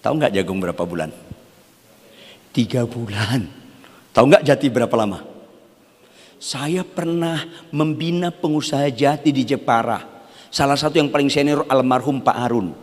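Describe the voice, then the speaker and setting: A man's voice: mid-range voice, normal speed, long pauses, long reverb tail. A man preaching a fiery sermon as a pastor, firing rhetorical questions at the congregation.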